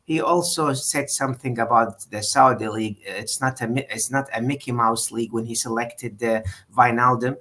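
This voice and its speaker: A man's voice: medium pitch, fairly even intonation, moderate pace, few pauses, bright, forceful tone. Hesitant man weighing in on football. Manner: hesitant, repeats words, many "uh"s. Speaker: podcast co-host. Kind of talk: casual football discussion.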